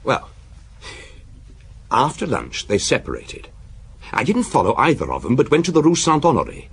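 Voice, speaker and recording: A man performs a full character voice as a respectful, wryly amused police underling in a radio play, delivering his report deliberately, like a story, with slight hesitations. His husky medium-pitched voice swings hugely, with a confessional, amused mood.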